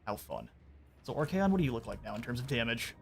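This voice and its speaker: A man narrates his strategy game stream in a relaxed, chatty way, explaining moves and lore as he goes. His voice sits at an ordinary middle pitch, with soft music running faintly underneath. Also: quick pace. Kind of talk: casual gameplay commentary.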